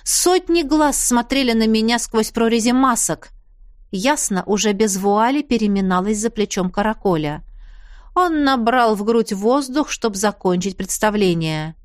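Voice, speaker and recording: A woman with a fairly high voice narrates a first-person fantasy audiobook in a lively, expressive way. The recording is close and dry, with no room echo. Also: unhurried.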